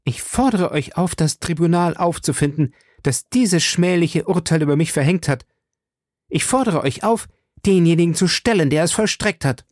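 A man's voice: animated, moderate pace, darkish tone, no echo, studio quality, natural voice. A man doing a shrieking, terrified noblewoman. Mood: defiant. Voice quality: shrill, hoarse shrieking.

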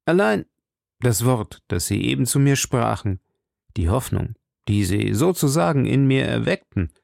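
A man's voice: medium pitch, lively intonation, unhurried, gravelly, darkish tone, dry recording, clean studio sound. Man playing an ardent lovesick duke. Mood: earnest. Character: lovesick, fatalistic noble duke.

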